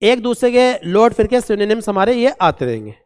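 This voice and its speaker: Guy teaching vocab, answers his own questions, smooth voice, echoey room. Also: sits high, sing-song, a little mellow. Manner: asks and answers his own questions, calls students "beta"; reads English examples out slowly. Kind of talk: vocabulary lesson. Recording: long echoing reverb.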